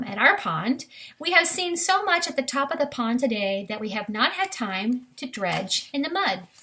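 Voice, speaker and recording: A woman with a sharp, somewhat high voice reads a children's nature book aloud. She addresses her young listeners directly and instructively, slipping in brief asides of her own.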